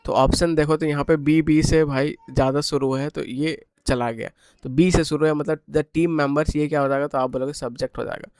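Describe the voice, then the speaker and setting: A man's voice: fairly high pitch, steady tone, normal speed, darkish tone, no echo. A man teaching an exam paper walkthrough lesson, explaining step by step and asking and answering his own questions.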